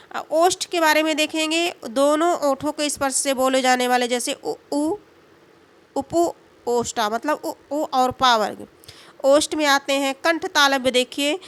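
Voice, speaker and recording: A woman teaching a Hindi grammar lesson, asking the class questions and answering them herself, and sounding out letters slowly. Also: sits high, fairly bright tone.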